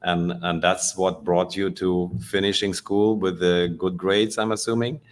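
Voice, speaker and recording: A man's voice: low-pitched, little pitch movement, unhurried. A man hosting a life-story podcast, chatting casually and murmuring along as his guest talks. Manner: friendly, frequent listening murmurs. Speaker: podcast host. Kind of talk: casual interview.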